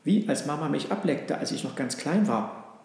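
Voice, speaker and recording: Man doing a wary scolding cat, storybook, slightly high voice, heavy echo. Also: lively intonation, moderate pace, gravelly, a little mellow. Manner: suspicious, admonishing. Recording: very echoey room with long reverb.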